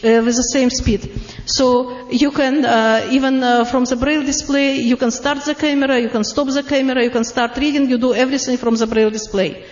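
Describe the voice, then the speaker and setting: High-pitched woman, heavy russian accent, lots of uh's, giving a device demo, echoey muffled room. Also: darkish tone. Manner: halting, many "uh" fillers, laughs easily. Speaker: product presenter. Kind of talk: live product demonstration to an audience. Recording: roomy, dull lo-fi room recording.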